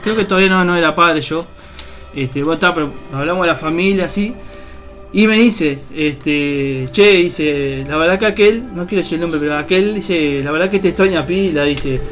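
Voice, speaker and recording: Soft music plays behind a radio co-host with a Uruguayan accent as he rambles through a personal story. His slightly high, fairly bright voice moves at a moderate pace, full of fillers and false starts.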